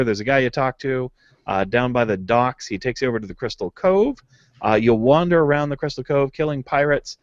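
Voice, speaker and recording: A man with a mid-range voice hosts a casual gaming podcast, rambling and chuckling between filler words. He's on a home mic in a video hangout, and the webcast audio is dull, lo-fi and dry with no echo.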